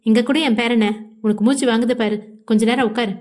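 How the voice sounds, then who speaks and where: A woman reading the lines of a kind, protective grandmother who gently chides her daughter. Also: fairly high pitch, steady tone, fast, natural voice.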